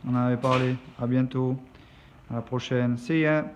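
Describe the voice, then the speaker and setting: A man's voice: medium pitch, completely flat delivery, moderate pace. A man who teaches English, explaining a lesson step by step and stopping to check that his pupils follow. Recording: dull lo-fi recording, faint background noise.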